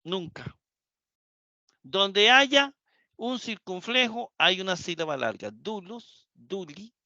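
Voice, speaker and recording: A man's voice: high voice, big pitch swings, slow pace, sharp tone, no echo, highs cut off. A man teaching Greek in a live class lecture. He repeats the key points and keeps asking the students questions.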